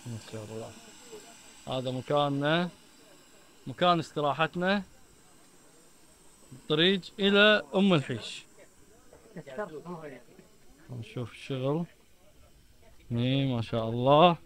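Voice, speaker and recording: A man's voice: medium pitch, lively intonation, unhurried, long pauses, a bit bright, low-quality recording. A man with a Gulf Arabic accent chatting casually as he films a trip, often exclaiming praise and greetings. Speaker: vlogger. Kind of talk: casual chat while filming a trip. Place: outdoors at a desert camp.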